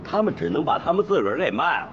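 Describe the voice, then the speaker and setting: An actor playing a fawning, excitable local official who grovels to his superior and scolds his men, with faint music under. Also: a little high, quick pace, muffled recording, slight background noise. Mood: wheedling. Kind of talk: TV drama acting.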